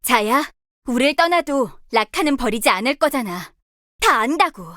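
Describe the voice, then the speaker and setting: A bold young star guardian girl, team leader, high lively voice, game lines, bone dry booth. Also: moderate pace, no room sound. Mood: determined. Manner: bold, commanding battle quips. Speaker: voice actress. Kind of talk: video game character voice lines.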